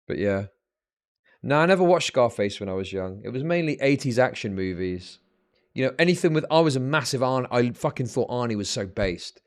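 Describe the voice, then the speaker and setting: A man's voice: mid-range voice, animated, brisk. A man hosting a livestream, telling rambling, profane stories in casual chat that build into exasperated rants. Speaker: livestream host.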